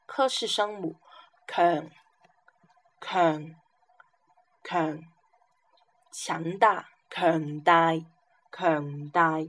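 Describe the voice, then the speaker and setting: A woman teaching a pronunciation lesson, repeating each syllable and example word several times. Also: fairly low pitch. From southern China. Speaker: language teacher.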